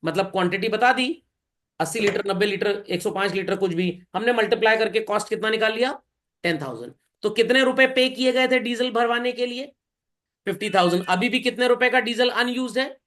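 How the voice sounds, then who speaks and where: A man's voice: high voice, a little fast, fairly bright tone. Man, accounts teacher, classroom lecture, questions and answers himself. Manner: questions students and answers himself, mixing Hindi and English; calls listeners bhai and children.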